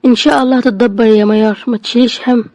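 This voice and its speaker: A brisk, practical neighbor woman in a storybook, as a woman puts her on, chatting in Egyptian Arabic with reassurance. Her voice is high and fast, mellow in tone, recorded dry and close. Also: steady tone, no room sound, close to an everyday voice. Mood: encouraging. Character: caring, practical neighbor woman, old friend.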